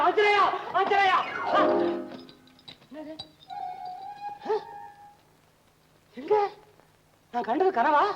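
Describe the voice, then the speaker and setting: A timid, lovesick young devotee frets and whines in a very high, thin voice. The sound is an old film soundtrack with music playing clearly behind the dialogue. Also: male voice, highs cut off. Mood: frantic. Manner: whiny, comically fretful, chanting prayers.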